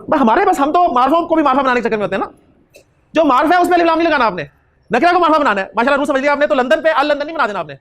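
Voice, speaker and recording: A man teaching Arabic grammar in a classroom lecture, quizzing his students and slowly repeating key terms. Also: very high voice, animated, a bit bright. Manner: questions students and drills answers back.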